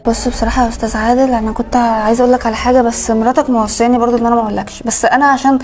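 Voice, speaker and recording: Worried young neighbor, acted by a woman, Egyptian accent, flat fast delivery. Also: a little high, soft background music, lightly acted. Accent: Egyptian Arabic. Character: worried young female neighbor telling secrets.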